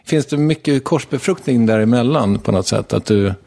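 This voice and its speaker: A man's voice: mid-range voice, creaky, warm tone. A man hosting a casual interview, asking curious conversational questions. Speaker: interviewer host.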